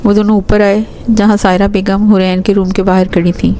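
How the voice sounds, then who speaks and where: Woman narrator for a romance novel, mellow warm tone, steady even reading. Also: medium pitch, a little hiss or hum, rough recording. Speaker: storyteller.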